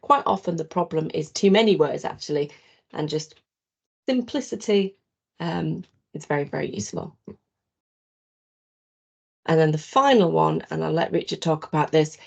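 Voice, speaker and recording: Low gravelly woman giving a talk. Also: moderate pace, long pauses. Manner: patient, explanatory, poses questions to listeners. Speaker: presenter. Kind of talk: awareness talk to students.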